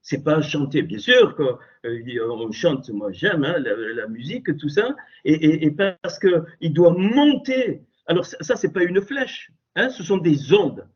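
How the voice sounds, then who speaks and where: A man with a strong, husky voice pitched a little high delivers a fervent Torah teaching. He swings between soft asides and loud, exclamatory outbursts, his pitch rising and falling widely. It comes through dull, lo-fi Skype call audio. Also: sing-song, unhurried, hardly any pauses. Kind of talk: impassioned religious teaching. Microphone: computer mic on a Skype call.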